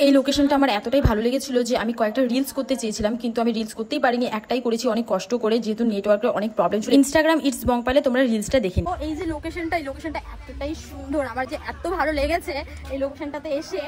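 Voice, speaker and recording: A woman's voice: sits high, rapid-fire, a little mellow. A young woman, hosting a casual travel vlog outdoors and talking straight to her viewers in an upbeat, chatty way. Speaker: vlogger host. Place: outdoors by a riverbank.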